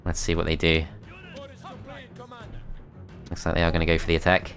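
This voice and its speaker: A man's voice: low voice, completely flat delivery, moderate pace, fairly bright tone, faint music behind. A man commentating his strategy game as he plays, thinking aloud in a tentative, self-critical way. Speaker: gameplay commentator.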